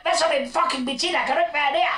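A woman playing a crude, bossy middle-aged mother who shouts and rambles frantically at her grown son. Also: high-pitched. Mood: scolding. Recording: echoey room, far from the mic.

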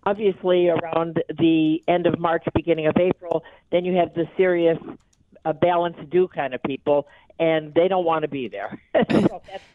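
A woman's voice: on the low side, steady tone, normal speed. A wide awake, alert woman explaining things as an expert guest in a live radio phone interview. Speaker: guest tax preparer, company chief executive. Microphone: telephone. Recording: narrow tinny phone line.

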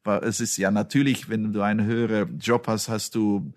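A Belgian man who is not a native German speaker answers interview questions as a company chief, speaking earnest, slightly broken German. His voice is lowish and steady at normal speed, recorded in clean studio sound with no echo.

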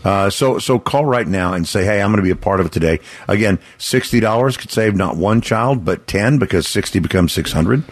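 Brisk and expressive, with hardly any pauses, this American man hosts a live radio charity pledge drive. He pitches a limited-time offer in an earnest, persuasive, folksy and rambling manner, captured in a dry recording.

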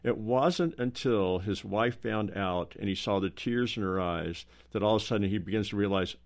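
A man with a fairly low voice talks slowly on a casual roundtable. He stumbles and restarts as he gathers his thoughts. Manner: slow, halting, full of restarts.

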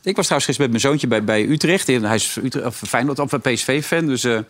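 A man's voice: medium pitch, fast, a bit bright. A man hosting a casual football podcast, chatty and prodding his guests with questions. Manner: chatty, laughs often, prods with questions. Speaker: podcast host.

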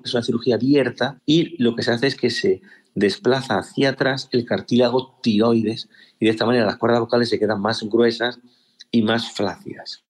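Man, a surgeon explaining patiently. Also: medium pitch. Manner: didactic, explains step by step. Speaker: ear, nose and throat surgeon. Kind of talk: explanatory interview answers.

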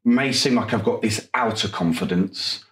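An enthusiastic, energetic man with an Essex accent, answering conversationally as an interview guest. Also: on the low side, moderate pace, echoey room. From Essex, England. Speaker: interview guest, property coach.

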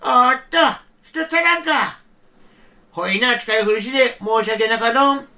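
Man playing a kindly old grandfather, Kagoshima accent, raised pitch, bright tone, humble folktale radio voice. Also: expressive, moderate pace, distant mic, exaggerated voice.

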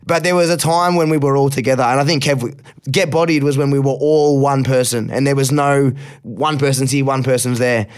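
An Australian man speaks in a steady, middle-pitched voice as a podcast guest. He talks openly and thoughtfully, drops the odd swear word, and stumbles over repeated words when a point hits home. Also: a little fast, smooth. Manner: candid, reflective, swears casually, repeats words when emotional. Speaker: guest rapper. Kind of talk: casual podcast interview.

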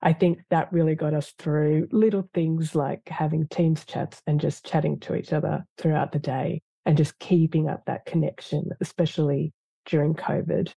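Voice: mid-range voice, gravelly, mellow, breathy edge, dry recording, highs cut off. A government lawyer, a guest in an interview, answering in a reflective and earnest way with frequent fillers.

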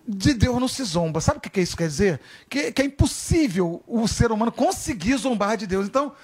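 A man, a comedian, chatting as a talk-show guest and telling stories in an animated way, often laughing as he talks. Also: high voice, brisk. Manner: animated storyteller, laughs through his stories. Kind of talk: casual talk-show chat.

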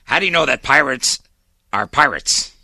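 A man's voice: medium pitch, lively intonation, normal speed, bright, forceful tone, no room sound, heavily acted. A radio host voicing a jovial pirate character who tells corny puns while calling in from his boat. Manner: gravelly, corny punning.

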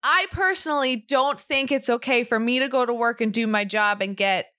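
A woman's voice: on the high side, normal speed, sharp tone, clean tone. A young adult woman co-hosting a casual chat, reasoning things through earnestly with a lot of "like" and "you know".

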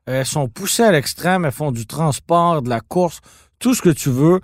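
Animated Québécois man, dry close sound. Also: fairly high pitch, moderate pace, no room sound. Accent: Québécois French. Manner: teasing, animated storyteller. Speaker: podcast co-host. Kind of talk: casual podcast chat about car films.

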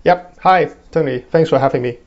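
A man's voice: a little high, a little fast, dull audio. A man in his twenties with a Hong Kong accent, giving thoughtful interview answers with many fillers and "right?" tags. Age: 20s. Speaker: guest.

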